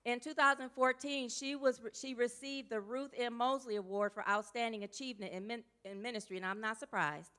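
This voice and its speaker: A woman minister introduces the guest speaker to her congregation. Her voice is bright and forward, with a smooth, clear tone. She talks in a chatty, emotional way and drops casual asides to the congregation. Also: on the high side, steady tone, fairly quick, few pauses. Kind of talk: church introduction speech. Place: church sanctuary.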